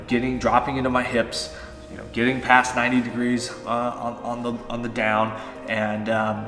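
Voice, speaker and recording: Recorded on an on-camera shotgun mic, this thirty-something fitness vlogger speaks at medium pitch with a slightly bright tone, and the room adds a long reverb tail. In a casual Q and A vlog, he answers viewer-style questions loosely, filling his speech with fillers.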